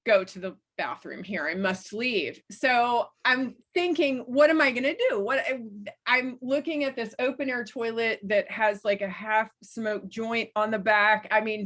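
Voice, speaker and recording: Lively storytelling woman from West Texas. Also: on the high side, unhurried. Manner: lively, animated storyteller who laughs while telling. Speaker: author guest. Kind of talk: anecdotal storytelling in an interview.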